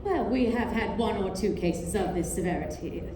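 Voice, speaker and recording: A woman's voice: medium pitch, expressive, moderate pace, natural voice. Woman acting prim schoolmistress, severe, formally polite, stage drama, roomy sound, background noise. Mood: prim, firm.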